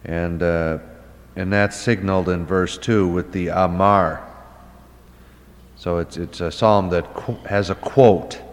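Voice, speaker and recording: Steady in tone and low in pitch, a Hebrew Bible teacher works through his points aloud in an unhurried, unscripted lecture, often saying "uh" and "um." He explains terms by asking a question and then answering it, and his voice echoes with long reverb like in a hall.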